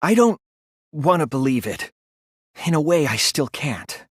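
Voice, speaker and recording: A troubled, insistent teenage boy detective from an English video game pushes through a deductive monologue about murder. He's soft-spoken and earnest, with a breathy medium-pitched voice that's exaggerated and very animated, rising and falling as he reasons analytically and stresses key points. The recording has no room sound.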